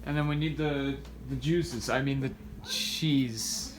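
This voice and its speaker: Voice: medium pitch, steady tone, slow pace. A teasing co-host filming a home cooking video in a kitchen, laughing often at the cook. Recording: home video with background noise.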